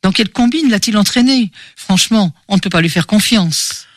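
A woman voicing a quick-tempered protective father in an audiobook, tense and indignant. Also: mid-range voice, dry recording, studio quality, close to an everyday voice. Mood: angry.

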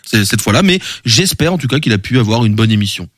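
A male radio host chatting casually in a studio, his pitch swooping up and down as he rambles. He keeps correcting himself and filling gaps with hesitations. The sound is close and dry, with no room around it. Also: lively intonation, quick pace, a bit bright, no echo. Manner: rambling, many fillers and self-corrections.

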